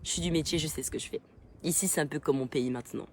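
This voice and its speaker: A woman voicing a self-assured male tour guide in a comedy sketch, speaking low and hushed with chuckling asides. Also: quick pace, slight background noise. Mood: smug.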